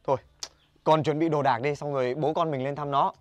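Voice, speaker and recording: An actor playing a gruff, worried father who grumbles in a lively way. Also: a little high, brisk, natural voice.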